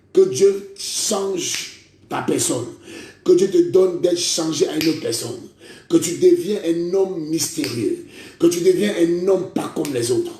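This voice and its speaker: A man with a slightly high voice and dark tone preaches a prophetic sermon in an echoey room. He declaims in repeated phrases and addresses his listeners as brother.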